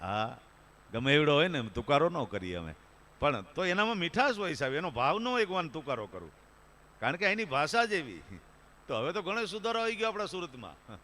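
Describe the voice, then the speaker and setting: Bright-voiced Kathiawadi comedian man. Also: on the high side, sing-song, fairly quick. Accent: Kathiawadi Gujarati. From Kathiawad, Gujarat. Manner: chatty, often addresses the audience as sir. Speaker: stand-up comedian. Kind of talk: live folk stage comedy storytelling. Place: live stage show before an audience.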